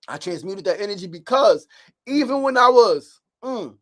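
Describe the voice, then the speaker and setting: A man's voice: high-pitched, animated, normal speed, a bit bright. A man, hosting a motivational livestream and repeating rhetorical questions with emphasis. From South Jamaica, Queens, New York. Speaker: show host. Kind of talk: motivational livestream talk, reading viewer comments.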